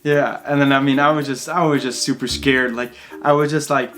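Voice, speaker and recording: A man's voice: mid-range voice, fairly even intonation, brisk, a bit bright, faint music behind. A young man chatting casually, telling a story with lots of fillers. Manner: rambling with many fillers. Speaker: vlogger, new father. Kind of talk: casual chat.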